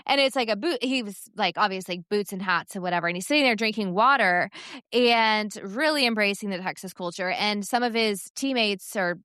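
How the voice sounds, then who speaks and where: A woman's voice: mid-range voice, fairly quick, bright, forceful tone, clean tone, no room sound, clean studio sound. A woman co-hosting a podcast, chatting casually about sports with many fillers and laughs. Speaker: podcast co-host.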